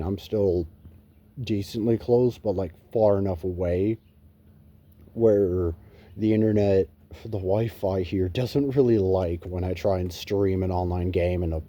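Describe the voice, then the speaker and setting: A man's voice: low voice, fairly even intonation, measured pace, dark tone, highs cut off. A man chatting casually and rambling to his viewers as a gaming vlogger, recorded on a phone. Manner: swears casually. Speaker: gaming YouTuber.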